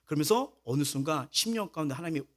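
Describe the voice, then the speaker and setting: A man preaching a sermon as a pastor, telling a personal story in an animated way and acting out what people said. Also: on the high side, fast talker.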